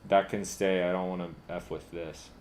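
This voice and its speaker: A man composing on a live stream, thinking aloud in a halting, casual way with lots of fillers and self-deprecating asides. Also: deep voice, level tone, a little mellow, slight background noise. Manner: halting and musing, many fillers, laughs at himself.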